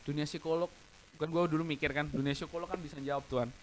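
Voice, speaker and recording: A man's voice: a little high, fairly even intonation, quick pace, slight background noise, low-quality recording. A young man preaching a casual, personal youth sermon at an online church service, speaking in slang, slipping in English phrases and growing tearful at times. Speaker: youth pastor.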